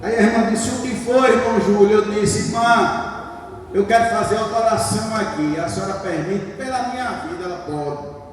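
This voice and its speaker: A man, a church deacon, telling a testimony as a sermon and building into shouted, half-sung preaching. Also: high voice, normal speed. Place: church service. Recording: echoey church hall, mic at a distance.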